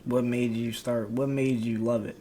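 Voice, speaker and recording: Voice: medium pitch, level tone, moderate pace, dark tone. A young adult host asking their mother short, teasing questions in a casual interview.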